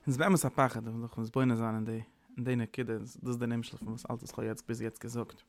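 A man's voice: mid-range voice, little pitch movement, quick pace, dry recording. A man giving an informal, rambling sermon, mixing in English words. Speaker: preacher. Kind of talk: informal Yiddish-tinged sermon.

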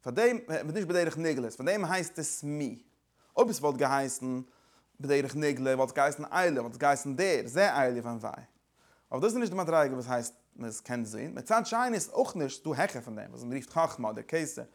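A man's voice: medium pitch, expressive, very fast. A man lecturing like a teacher, driving his explanation forward with repeated phrases and words from several languages.

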